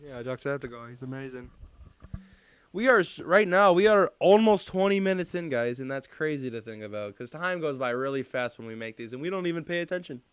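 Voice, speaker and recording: A man's voice: medium pitch, expressive, a little fast, fairly bright tone, smooth, no room sound. A man hosting a casual podcast, rambling and teasing his co-hosts. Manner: rambling, many "like"s and restarts, teasing. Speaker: podcast host.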